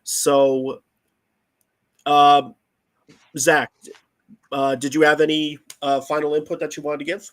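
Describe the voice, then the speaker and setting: Halting male podcast host. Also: a little high, little pitch movement, a bit bright. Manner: halting, many restarts and fillers. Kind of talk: casual show sign-off.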